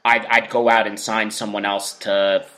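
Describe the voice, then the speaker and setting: A man's voice: lowish voice, flat delivery, normal speed, bright, forceful tone. A man co-hosting a casual podcast chat, opinionated and teasing. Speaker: podcast co-host.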